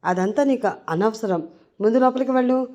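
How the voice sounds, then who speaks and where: A woman voicing a gruff hot-tempered tough guy. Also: mid-range voice, a little fast, pitched above the performer's own voice, lightly acted. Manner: curt, shouting. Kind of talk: audio story reading.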